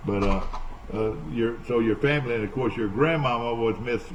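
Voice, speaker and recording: A man in his seventies hosting a casual interview on a live show, rambling and halting with plenty of fillers and restarts. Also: medium pitch, lo-fi sound, a little hiss or hum. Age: 70s. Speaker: talk show host.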